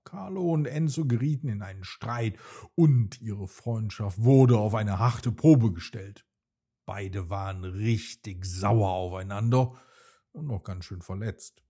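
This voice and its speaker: A man reading a bedtime story aloud in a gentle storytelling manner. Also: on the low side, slow, husky. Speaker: narrator. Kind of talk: scripted bedtime story narration.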